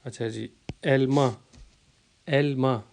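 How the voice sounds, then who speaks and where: Man slowly drilling vocabulary, smooth voice. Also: mid-range voice, steady tone, darkish tone. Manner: slow, repeats words to drill pronunciation, many fillers. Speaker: language teacher. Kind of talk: explaining vocabulary lesson.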